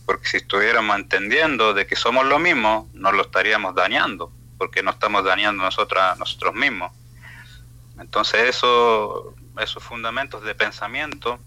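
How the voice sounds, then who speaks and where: Low, sharp-toned man musing philosophically. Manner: reflective, philosophical, tags phrases with questions. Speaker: radio debate panelist. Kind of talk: radio panel discussion. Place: radio studio.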